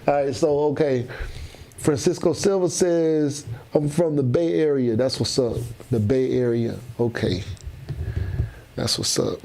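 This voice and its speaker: A man's voice: mid-range voice, measured pace, vocal fry, mellow. Laid-back man chatting on a livestream. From Florida, US. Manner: laid-back, slangy, reads out chat comments. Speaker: livestream host. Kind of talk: casual live stream chat with viewers.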